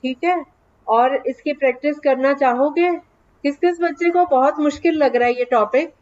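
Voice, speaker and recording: A woman math teacher giving a class, patient and often checking that the students follow, dictating numbers slowly. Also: high voice, darkish tone, muffled recording, slight background noise. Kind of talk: online class lesson in Hindi.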